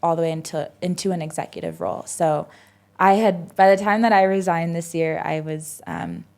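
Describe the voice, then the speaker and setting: A woman's voice: on the low side, expressive, moderate pace, creaky, a little mellow. A woman in her twenties, a podcast guest, talking casually and reflectively, with many fillers and restarts. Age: 20s. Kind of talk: casual conversational interview.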